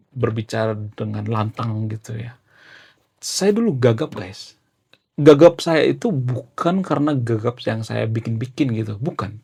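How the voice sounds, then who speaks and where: Gravelly chatty young man. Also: medium pitch, mellow. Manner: chatty, filler-heavy, often ends with "ya". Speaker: YouTuber. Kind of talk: casual explainer monologue.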